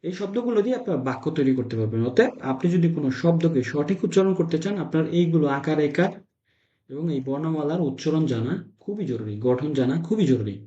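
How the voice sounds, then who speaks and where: A man's voice: fairly high pitch, big pitch swings, dark tone. Man drilling syllables in an echoey room. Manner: drills syllables in slow repeated chants. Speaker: Italian language teacher. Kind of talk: teaching letter sounds to a class. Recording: echoey room, dull lo-fi sound.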